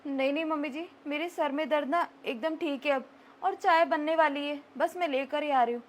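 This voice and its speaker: A woman's voice: high voice, moderate pace, a little hiss or hum, natural voice. A woman playing a meek, dutiful young daughter-in-law who speaks politely to her mother-in-law in a family melodrama. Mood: anxious, polite. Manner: meek, polite, eager to please. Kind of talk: amateur family melodrama acting.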